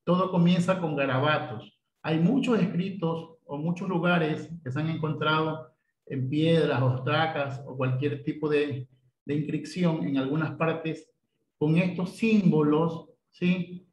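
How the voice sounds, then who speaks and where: A man's voice: a little high, fairly even intonation, a little slow, roomy sound, dull audio, a little hiss or hum. A man leading a church Bible study, explaining at length with many fillers and frequent questions to check his listeners follow. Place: church meeting room.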